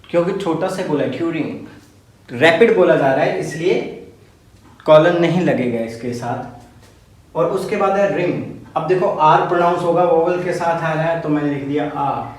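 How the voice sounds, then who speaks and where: A man's voice: a little high, normal speed, far from the mic. A male teacher patiently explaining phonetic symbols step by step, often checking in with the class. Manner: patient, repetitive, checks in with "ok, clear?". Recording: very echoey room, voice a bit off-mic.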